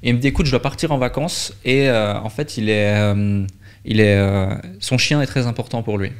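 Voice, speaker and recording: In a dark, red-lit podcast studio, a young Swiss guest talks into a boom-arm studio mic with headphones on. His lowish voice is clear and resonant at normal speed as he casually tells his story in a candid interview, with many fillers and restarts.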